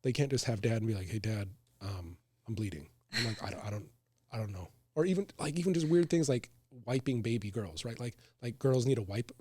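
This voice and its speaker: Husky-voiced man asking "right?". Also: mid-range voice, a little fast. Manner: frank, animated, tag questions "right?". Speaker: co-host. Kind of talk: casual podcast conversation.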